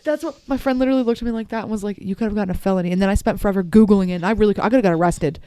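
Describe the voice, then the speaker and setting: Young radio co-host, talks fast and animated, smooth and dry. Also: medium pitch, dry recording. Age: young adult. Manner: rapid, animated storytelling. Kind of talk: casual radio chat.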